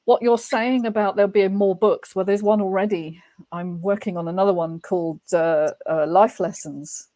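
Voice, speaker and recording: A woman, a guest author speaking thoughtfully in a relaxed interview, often pausing and restarting her sentences. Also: mid-range voice. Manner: thoughtful, hesitant, many restarts. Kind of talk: casual interview chat.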